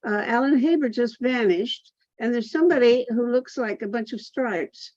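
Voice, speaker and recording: A woman's voice: a little high, moderate pace, a little mellow, dry recording. A woman hosting and moderating a group video call, speaking hesitantly with restarts and fillers. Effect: video call audio. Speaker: host, moderator. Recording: dull lo-fi video call audio.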